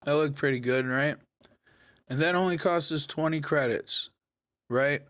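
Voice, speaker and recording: A man hosting a casual software tutorial, talking viewers through each step in a relaxed, conversational way. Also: on the high side, measured pace, smooth, no room sound, studio quality. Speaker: tech tutorial host. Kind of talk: screen-recorded software tutorial.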